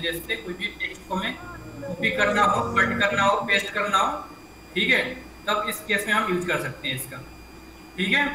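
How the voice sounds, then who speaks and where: His voice sits high as this male computer teacher runs an online class, taking students through things step by step, quizzing them, and saying "ठीक है" again and again. A distant room mic picks up echo and background noise.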